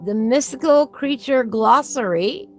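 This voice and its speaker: A woman's voice: sits high, measured pace. A woman chatting casually as a host, with whistling S sounds and a folksy, gushing way of exclaiming. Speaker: host of a coloring book channel. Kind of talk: casual live chat while flipping through a book.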